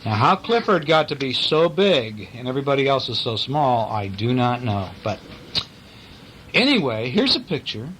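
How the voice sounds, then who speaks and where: Father, bedtime storyteller, gentle and patient, mid-pitched, faint background hiss. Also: sing-song, normal speed, poor audio. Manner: gentle, asks the child questions between reading. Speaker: father reading to a child.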